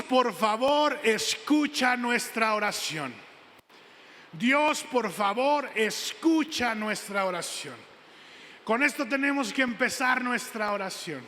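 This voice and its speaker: A man's voice: high voice, sharp tone, a little hiss or hum. Man, pastor, emphatic sermon, handheld mic, church hall with long reverb. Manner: emphatic, repeats key phrases slowly.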